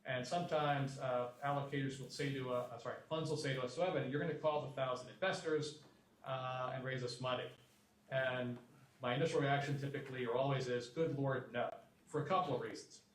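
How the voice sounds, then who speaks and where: A man's voice: mid-range voice, fairly even intonation, brisk, a little hiss or hum. A man giving a guest lecture to a business class, plainspoken and fond of repeating homely sayings. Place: university lecture room. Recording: echoey room, voice from a distance.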